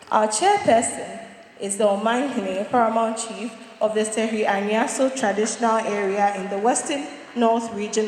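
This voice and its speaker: A woman's voice: medium pitch, a little mellow, slight background noise. A Ghanaian woman acting as master of ceremonies, steadily reading a prepared formal introduction. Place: large hall. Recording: echoey hall.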